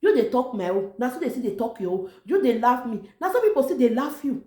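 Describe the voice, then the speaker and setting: A woman's voice: a little high, big pitch swings, fast, warm tone. A woman with a Nigerian accent speaking Nigerian Pidgin, giving an informal motivational talk in an emphatic, repetitive, exhorting way. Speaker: online motivational vlogger. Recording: echoey room.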